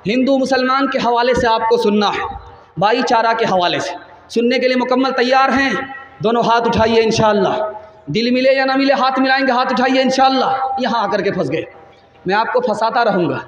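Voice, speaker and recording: A man with a very high, piercing voice preaches to a big gathering through a microphone. His delivery is quick and rhetorical, and he keeps calling on the crowd to respond. The sound rings with long hall reverb, and faint music runs underneath. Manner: rapid rhetorical preaching, calls on crowd to raise hands. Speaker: Islamic preacher. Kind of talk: sermon at a religious gathering. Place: large religious gathering.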